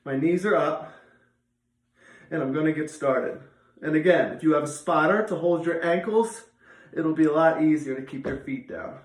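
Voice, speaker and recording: A man's voice: a little high, moderate pace. A man giving an instructional exercise demonstration as a gym teacher, informal and encouraging, repeating his instructions and raising his voice for counts. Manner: encouraging, counts repetitions aloud in raised voice. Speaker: physical education teacher. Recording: echoey room.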